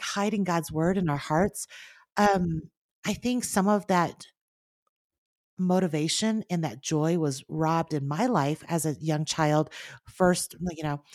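A Mandarin-speaking woman in her thirties co-hosts a casual faith podcast, talking earnestly and animatedly, speeding up in bursts. Her voice sits low, and the recording is dry and studio quality.

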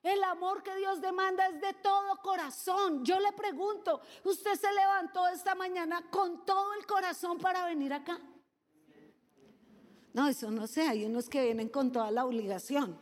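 A woman preaching a sermon, animated and playful, with lively asides and mimicry. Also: very high voice, normal speed, big-room sound.

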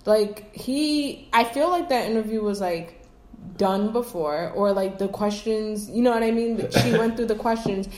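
A woman's voice: mid-range voice, measured pace, darkish tone. Woman co-host, chatty, mid-range voice, casual podcast talk, echoey room. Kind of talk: casual chat.

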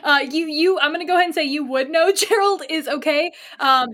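A woman narrates a tabletop game as its game master. She is chatty, gropes for words and laughs easily, all in a high voice. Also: a little fast, fairly bright tone.

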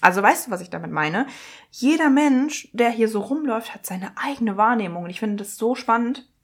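A woman podcast host and coach telling an everyday story in a chatty, lively way, acting out other people's lines and mixing English words into her speech. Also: fairly high pitch, fairly quick. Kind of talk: casual storytelling monologue.

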